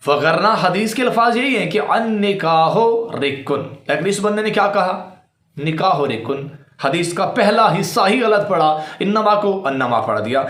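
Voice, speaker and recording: A man's voice: sits high, a bit bright, roomy sound. A man, a cleric and debater, giving polemical commentary to his audience in a scornful, repetitive, mocking way.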